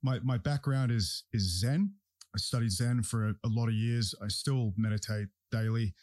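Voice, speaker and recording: A man's voice: mid-range voice, steady tone, moderate pace, a little mellow, dry recording, studio quality. A man hosting a podcast, talking casually in a blunt, opinionated way. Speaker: podcast host and breathwork practitioner. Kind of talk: casual conversational talk.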